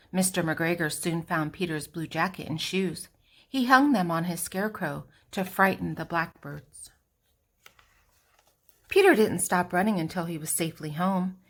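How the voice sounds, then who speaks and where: Reading a children's storybook in a somewhat low voice, an older woman gives an expressive performance. Her pauses are dramatic and deliberate, and she places her emphasis with care.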